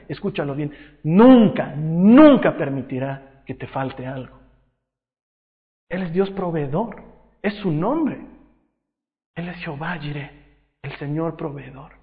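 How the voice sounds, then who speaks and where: Fervent preacher man in a reverberant hall. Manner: fervent preaching with swings between loud emphasis and quiet lows. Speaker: pastor. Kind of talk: sermon. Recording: tinny lo-fi sound with long hall reverb.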